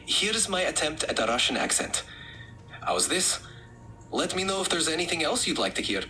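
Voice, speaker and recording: A man's voice: on the high side, big pitch swings, quick pace, sharp tone, slight background noise, low-quality recording. A male synthetic voice assistant giving polished, upbeat, helpful replies in a friendly conversational tone.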